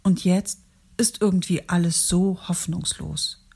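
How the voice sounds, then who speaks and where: A woman voicing the apostle James, a weary and disheartened man, in a gentle storybook reading voice. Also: fairly low pitch, steady tone, unhurried, gravelly, breathy edge, exaggerated voice.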